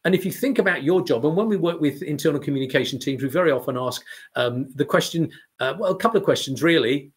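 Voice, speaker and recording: A middle-aged man leads a lesson for communication specialists in a fairly high voice. He tells his story with lively swings, acting out imagined reactions as he goes. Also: quick pace. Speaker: communication trainer. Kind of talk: lecture-style talk to camera.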